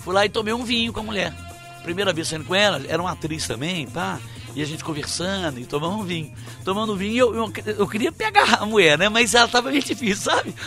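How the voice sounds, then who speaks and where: A man, co-hosting a casual chat and telling stories in an animated way, laughing as he acts out the people in them. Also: high voice, quick pace, soft background music. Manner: animated, laughs through his stories, acts out quoted voices.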